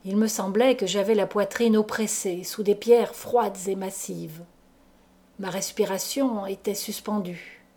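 A woman narrating a gothic tale aloud in a slow, measured, dramatic reading. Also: mid-range voice, darkish tone. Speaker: audiobook reader. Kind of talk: literary audiobook narration.

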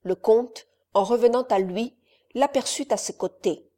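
Woman narrating a novel, mellow voice. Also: fairly high pitch. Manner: measured, expressive reading.

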